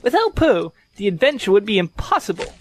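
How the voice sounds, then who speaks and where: A woman playing a bossy, self-important, scheming rabbit in a children's audio drama, lecturing briskly and impatiently. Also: mid-range voice, big pitch swings, soft background music, natural voice. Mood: commanding.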